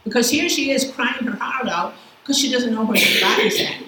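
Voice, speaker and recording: A woman teaching a Bible class in a casual, lively way, asking her students questions as she goes. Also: on the high side, fairly quick. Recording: echoey room, faint background noise.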